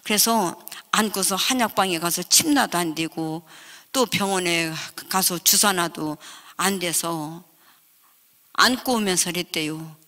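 A woman's voice: fairly low pitch, unhurried, sharp tone. An older woman with a Chungcheong Korean accent gives an emotional testimony at a revival meeting, telling her story vividly. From Chungcheong region, South Korea. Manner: vivid storytelling, acting out family voices. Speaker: guest revival speaker. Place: church sanctuary. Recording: long church-hall reverb.

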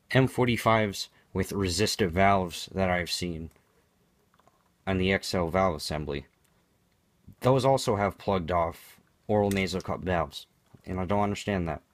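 Low-voiced man giving a product review. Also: fairly even intonation, measured pace, no echo. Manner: matter-of-fact, explanatory. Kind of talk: unscripted product demonstration commentary.

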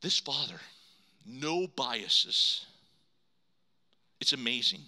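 A man preaching a sermon as pastor, dramatic, swinging between loud emphasis and hushed low lines. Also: very animated, drawn-out words.

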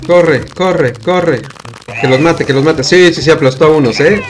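Excitable man doing game commentary. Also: on the high side, music in the background. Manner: reacts loudly with rapid repeated words. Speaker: gaming channel host.

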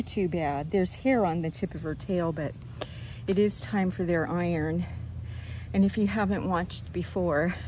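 Older woman, low voice, unhurried rambling farm chat, faint outdoor noise. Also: poor audio. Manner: rambling, gentle, loses her train of thought. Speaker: goat rancher. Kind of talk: casual farm vlog chat.

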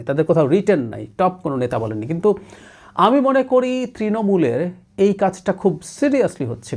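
Guy from bangladesh doing a solo political commentary show, emphatic, pitch jumps all over, mixes english words in. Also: darkish tone. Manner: emphatic, often slips English phrases into his talk. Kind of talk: analytical commentary monologue.

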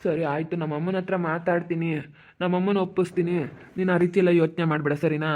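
Fast-talking young man, reassuring. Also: high-pitched, flat delivery, darkish tone. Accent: central Karnataka Kannada. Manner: reassuring, repetitive, soothing. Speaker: vlogger. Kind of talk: emotional couple conversation. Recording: tinny phone-like sound.

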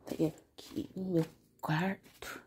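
A woman's voice: lowish voice, fairly even intonation, drawn-out words, background noise. A middle-aged woman talking straight to her viewers in a casual home vlog, emotional and tearful. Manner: chatty, talks straight to viewers. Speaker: vlogger.

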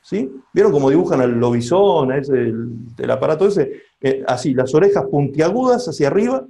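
Lively, dark-toned preacher. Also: male voice, a little high, a little fast, vocal fry. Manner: animated storytelling, asks the audience questions. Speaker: pastor. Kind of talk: sermon testimony at a seminar.

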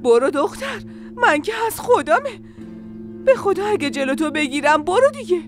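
A bossy grandmother scolds the children and her sister-in-law in a high, sharp voice. Soft music sits under the dubbed dialogue. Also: sing-song. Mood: scolding. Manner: scolding, shrill when angry. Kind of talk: Persian dub of a TV series.

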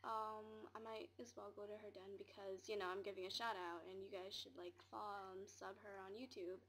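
A woman's voice: medium pitch, level tone, normal speed, a bit bright, slight background noise. A young woman giving a casual tour of her game home, mumbling and rambling with many fillers and giggles, recorded in a small room.

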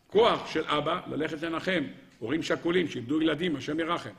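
A man, a rabbi giving a Torah lesson, retelling Talmud stories with repetition and sudden emphatic high cries, talking straight to his listeners. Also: creaky, a bit bright. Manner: dramatic storyteller, repeats phrases, leaps to high emphatic cries; addresses listeners directly. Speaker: rabbi teaching a weekly lesson.

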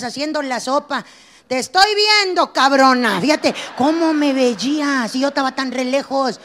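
A middle-aged woman with a northern Mexican accent doing a brash stand-up comedy monologue, acting out a scolding mother. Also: high voice. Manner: brash, quick-switching, acts out scolding mother.

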